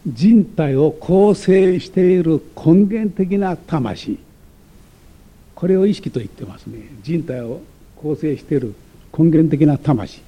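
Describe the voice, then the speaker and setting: Male lecturer, dark husky voice, reads from a text and explains, hesitant and digressive. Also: on the high side, lively intonation, slow pace. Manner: digressive, many hesitation fillers and self-corrections.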